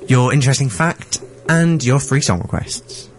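A man's voice: mid-range voice, animated, measured pace, noisy background. A young man presenting a radio show in a casual, chatty style as co-host.

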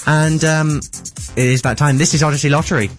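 A man's voice: on the high side, fairly even intonation, a little fast, over music. A young man presenting a radio show in a casual, chatty style as co-host.

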